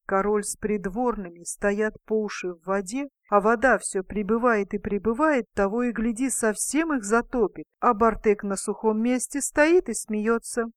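A woman reading a fairy tale aloud, giving the characters lively, shouted voices. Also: mid-range voice, moderate pace, few pauses, no echo, studio quality. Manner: expressive, shouts the king's lines. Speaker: storyteller.

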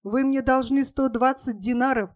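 A woman's voice: high-pitched, steady tone, normal speed, natural voice. A woman voicing a proud, stingy male bakery owner who grumbles and gets defensive. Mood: threatening.

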